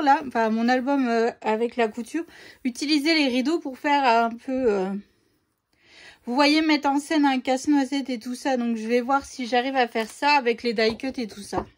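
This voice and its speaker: A woman casually presenting craft papers to her viewers in a chatty unboxing video, often hesitating with fillers as she talks. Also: high voice. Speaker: scrapbooking vlogger showing craft papers.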